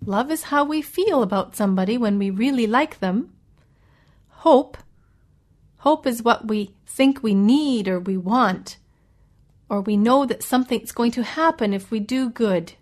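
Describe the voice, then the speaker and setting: A woman with a somewhat high voice talks through a vocabulary lesson at a very slow, unhurried pace. She reads short passages aloud, then patiently explains each word and spells it out letter by letter, often turning to the listener with gentle questions. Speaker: English vocabulary teacher.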